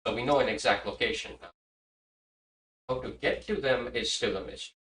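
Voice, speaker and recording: A man playing in a tabletop game, summing up the story in a halting way with many pauses. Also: mid-range voice, a bit bright. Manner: halting, full of "uh"s. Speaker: player. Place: room at a live-streamed game table. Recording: roomy sound, distant mic, faint hiss.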